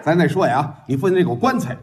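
A man's voice: on the high side, very animated, fast talker, crowd noise. A man performing xiangsheng crosstalk as the lead comic. He rattles off long rhythmic patter lists and acts out scenes with mimicked sounds.

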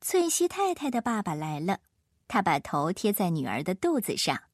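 Woman storyteller, breathy, very expressive, soft music behind. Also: mid-range voice, normal speed, dry recording, studio quality. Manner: lively, expressive. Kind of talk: children's picture-book reading.

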